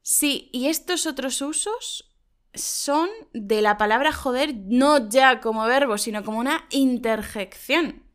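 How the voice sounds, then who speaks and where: A woman from Spain, co-hosting a lesson and explaining slang to learners in a lively, emphatic way. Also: high-pitched, measured pace, clean tone. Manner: lively, emphatic, laughs often. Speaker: Spanish teacher and co-host.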